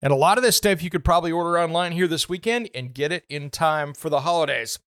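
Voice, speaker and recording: Male radio host, easygoing and chatty, slightly higher voice, dry studio sound. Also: quick pace, no echo. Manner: chatty, relaxed, many "uh" fillers. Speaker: home improvement radio host. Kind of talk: casual product talk on radio show. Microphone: studio microphone.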